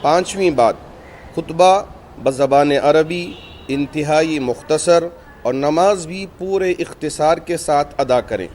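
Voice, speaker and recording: A man, a mosque imam, reading out a formal statement point by point in measured religious diction, outdoors by a street. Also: fairly high pitch, a little mellow, a little hiss or hum.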